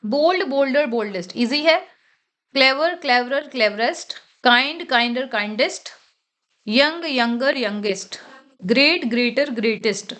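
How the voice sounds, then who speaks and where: High-voiced woman teaching grammar. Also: lively intonation, fairly bright tone. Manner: reads English rules slowly, then explains in Hindi with frequent "okay?" checks. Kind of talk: exam-prep grammar lecture.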